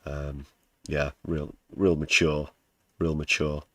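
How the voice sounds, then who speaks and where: Man, from the UK, deep low voice, slow measured pace, dry close sound, wry sarcastic commentary. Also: little pitch movement, fairly bright tone, dry recording. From United Kingdom. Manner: wry, sarcastic asides with profanity. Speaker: livestream host. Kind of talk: casual commentary on news clips.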